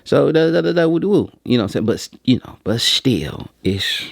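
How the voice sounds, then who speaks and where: With a gravelly, mid-range, very animated voice at a moderate pace, a print shop owner tells his viewers a rambling, slang-filled story in a conversational manner, acting out the quoted dialogue. The recording is dry and of studio quality.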